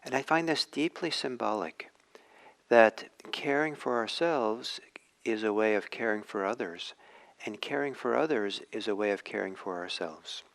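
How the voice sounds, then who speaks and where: A man from Norway, giving a reflective dharma talk with many pauses and restarts. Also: on the low side, creaky, a bit bright. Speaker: meditation teacher.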